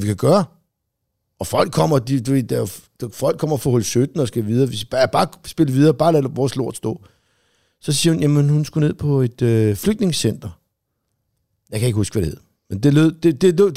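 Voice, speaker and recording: A man's voice: mid-range voice, warm tone, no room sound, clean studio sound. A man telling a long story in casual chat, rambling, swearing freely and full of fillers. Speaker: podcast co-host.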